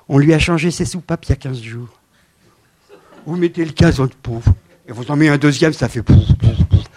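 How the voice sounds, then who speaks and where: Older french-speaking guy in his 70s lecturing, slightly high voice, goes loud then drops real quiet. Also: breathy edge. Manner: animated, swings from loud emphasis to quiet asides. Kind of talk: lively lecture with slides.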